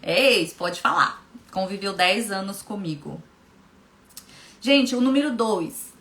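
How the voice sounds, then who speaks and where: A woman's voice: medium pitch, animated, slow pace, a bit bright. A woman, a hypnotherapist hosting a live stream, talking emphatically to viewers, repeating key phrases and greeting them by name. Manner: addresses viewers directly by name. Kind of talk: casual motivational live talk.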